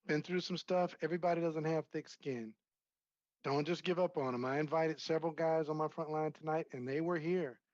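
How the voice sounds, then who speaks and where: A man's voice: fairly high pitch, darkish tone, dry recording, highs cut off. A man on a video call giving an emphatic, motivational company training, urging his listeners on. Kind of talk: motivational sales pep talk.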